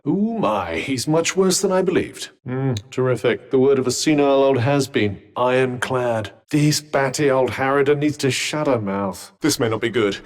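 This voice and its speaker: An actor with a British accent voicing an urbane, dry-witted, sardonic magic cuff in a video game, speaking in a formal, articulate way. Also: male voice, medium pitch, lightly acted. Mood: dry sarcasm, then grave, wry exposition. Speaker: video game companion character. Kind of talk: scripted game dialogue.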